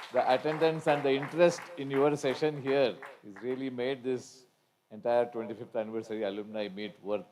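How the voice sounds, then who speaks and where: A man's voice: mid-range voice, a little mellow. Indian man in his sixties giving a tribute. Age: 60s. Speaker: faculty member and event moderator. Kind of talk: tribute speech.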